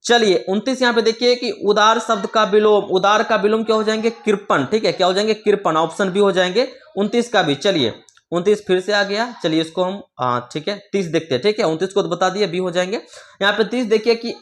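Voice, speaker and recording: A man's voice: high voice, fairly quick, fairly bright tone. A man teaching, going through exam answers one by one in a repetitive way, with many fillers and frequent checks with his students. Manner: repetitive, filler-heavy, checks with "theek hai".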